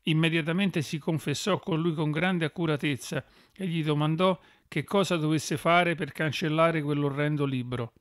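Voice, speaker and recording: A man narrating a religious audiobook in a measured, solemn way. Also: fairly high pitch, no room sound, clean studio sound.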